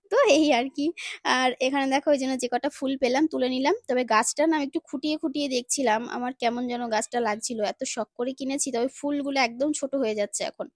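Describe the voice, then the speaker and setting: A woman with a high voice narrates her home routine in a relaxed, step-by-step vlog. She fills pauses with soft hesitations as she explains. The sound is dry and close, with no room echo. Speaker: lifestyle vlogger. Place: home balcony.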